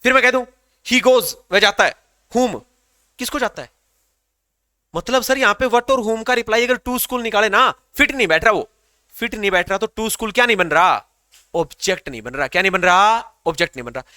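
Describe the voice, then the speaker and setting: A man's voice: high-pitched, expressive, moderate pace, sharp tone, no room sound, studio quality. A man teaching an English grammar class to students, asking questions and repeating the answers back.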